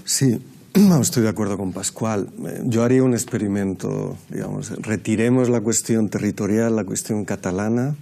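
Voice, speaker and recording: A man speaking as a panelist in a political debate, measured and lecturing, with frequent hesitations. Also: lowish voice, fairly even intonation, creaky, dark tone. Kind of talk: analytical debate commentary.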